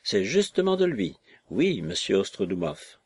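A man reading aloud who voices a shrill, mocking and fawning little lame man, raising his voice to a yelp. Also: wildly swooping pitch, unhurried, darkish tone, husky, exaggerated voice. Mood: ironic. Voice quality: yelping, shrill. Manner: mocking, ingratiating, exclamatory. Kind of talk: audiobook character voice.

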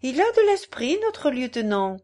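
Figure: witty male writer read by a woman. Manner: dry and ironic. Delivery: animated pitch. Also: moderate pace.

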